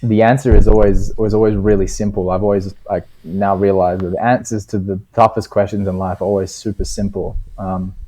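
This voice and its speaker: A man with a low, mellow voice speaks in a calm, earnest, coaching manner, dropping in casual slang. His tone stays reflective and steady. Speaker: podcast guest. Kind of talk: reflective conversational advice.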